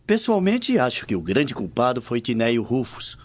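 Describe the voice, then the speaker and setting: Voicing a compassionate but critical Roman nobleman for a radio drama, a man sounds grave and indignant, declaiming with great weight. His mid-range voice is very animated and moves at a normal speed, heard through muffled audio with background music.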